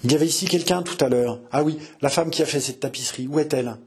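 A man playing King Charles IX, husky and paranoid. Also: fast. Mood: anxious. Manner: rises to frantic high shouting.

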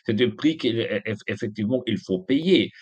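Male guest author, halting and repetitive delivery, lowish voice, close dry mic. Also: lively intonation, darkish tone, breathy edge, dry recording, highs cut off. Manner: hesitant, restarts words often. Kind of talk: interview answers.

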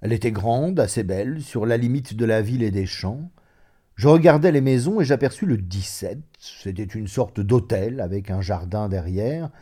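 A man narrating a classic short story in an expressive, measured reading. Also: fairly low pitch.

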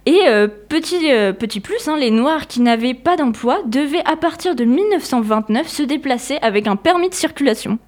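Brief: woman, somewhat high voice, relaxed chatty history presenter, hesitant and explanatory. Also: normal speed, few pauses. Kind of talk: casual spoken history presentation.

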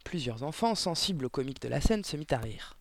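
A man narrating a children's audiobook in an expressive storytelling manner. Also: medium pitch, quick pace, creaky, a little hiss or hum. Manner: expressive storytelling with character voices.

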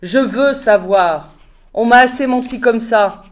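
Indignant young man, forceful, louder than the narration, storybook reading, a woman voicing him. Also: a little high, slow pace. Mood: insistent. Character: angry young man, exile from Earth.

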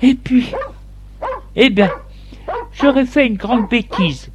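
A man's voice: slow, lo-fi sound. A man voicing a fretful, anxious middle-aged wife in a read-aloud story, pushing his voice well up into a fussy register. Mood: upset. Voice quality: raised falsetto-like pitch. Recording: steady background noise.

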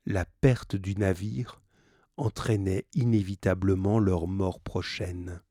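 A man's voice: sits low, fairly even intonation, slow, dark tone, breathy edge, no echo, studio quality. A man reading a novel aloud, stopping now and then to restate hard words in plain terms. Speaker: reader of a novel.

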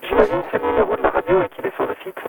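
A man calling in live to a radio show, his voice turned robotic and garbled by a bad phone line, talking with hesitant fillers. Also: very fast. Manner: explanatory, hesitant, many fillers. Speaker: phone-in guest. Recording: distorted phone line from far off.

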